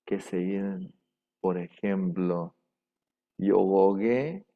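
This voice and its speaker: A man teaching a language class, repeating words slowly and carefully and dictating them for students to write down. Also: sits low. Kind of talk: slow repetitive language class. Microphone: microphone. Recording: dull lo-fi room microphone.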